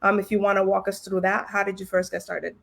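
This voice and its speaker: A woman in her forties hosts a casual livestream interview. She is playful and animated, repeats her lines, and has a middle-pitched voice. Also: fast talker, vocal fry. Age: 40s. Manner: animated, playful, repeats herself, acts out other people. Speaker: host.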